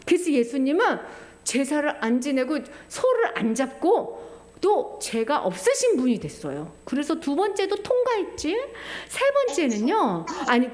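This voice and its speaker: A woman preaching a children's sermon in a lively, storytelling manner. Her voice sits high and rises and falls a lot, and she speaks simply and directly to the young listeners.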